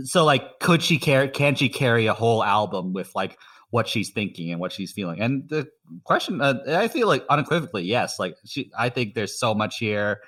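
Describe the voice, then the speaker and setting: A man's voice: medium pitch, very animated, moderate pace, a bit bright. A man co-hosting a music podcast, talking enthusiastically in a rambling way with many restarts. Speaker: co-host. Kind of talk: casual podcast chat.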